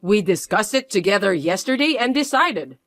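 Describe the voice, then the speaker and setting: A reader voicing an older, entitled mother-in-law who is shrill, pushy and indignant in a scripted audio story. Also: sing-song, normal speed, a bit bright, dry recording. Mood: indignant, demanding.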